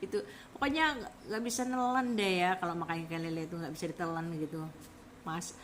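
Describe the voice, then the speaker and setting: A middle-aged woman chatting casually on a live stream, rambling about food and then pitching a herbal product to her viewers. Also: steady tone, quick pace, a little hiss or hum.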